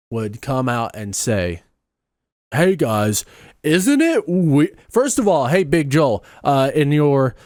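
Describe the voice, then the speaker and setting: A man rambles through sarcastic, mock-serious commentary on a video. His pitch swings animatedly between high jabs and low muttered asides. The sound is dry and close. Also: a little mellow, no echo. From Southern United States. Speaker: reaction video host. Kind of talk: sarcastic commentary over a clip.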